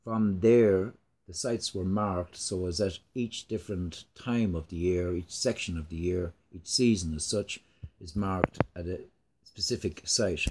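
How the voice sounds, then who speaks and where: A low-pitched man with an accent from the Irish Midlands. He talks like a lilting traditional storyteller and guide, laying out his explanations in an interview with unhurried pauses. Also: a little mellow, slight background noise. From Ireland.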